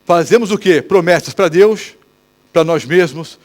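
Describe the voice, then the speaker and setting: A male pastor with a Brazilian Portuguese accent preaching a sermon in church, animated and quizzing the congregation with questions. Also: on the high side, measured pace.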